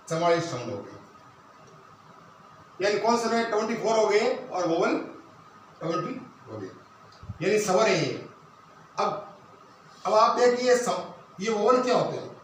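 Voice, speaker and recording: A man's voice: high voice, recorded from a distance, a little hiss or hum. Man teaching in a very echoey room. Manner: explains step by step, asks and answers his own questions. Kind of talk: classroom grammar lesson.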